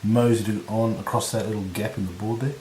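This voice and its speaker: A man with a husky voice from recent illness, giving relaxed, rambling commentary on a tabletop battle. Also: fairly low pitch, brisk. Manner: relaxed, rambling, lots of fillers. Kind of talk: casual game commentary. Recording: echoey room with faint noise.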